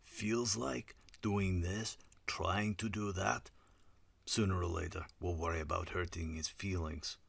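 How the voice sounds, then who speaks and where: A man voicing a bearded Russian lab manager, his R sounds softly rolled. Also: deep voice, steady tone, a little slow, gravelly, breathy edge, no echo, heavily acted. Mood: wry. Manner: soft rolled R.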